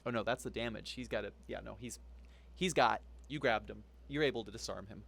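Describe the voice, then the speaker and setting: A man narrating as game master in a relaxed, chuckling manner. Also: lowish voice, brisk, gravelly.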